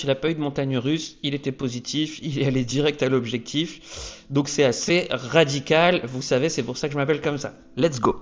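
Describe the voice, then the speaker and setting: A man talking casually to camera about trading, energetic and checking in with "ok?" often. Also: mid-range voice, dull audio. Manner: energetic, peppers lines with "ok?". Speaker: trading youtuber. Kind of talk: casual explainer talk to camera.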